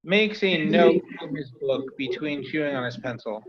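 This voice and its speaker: A man's voice: fairly high pitch, normal speed, a crowd in the background. A man reading stage directions aloud in a plain, matter-of-fact way. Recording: dull lo-fi audio.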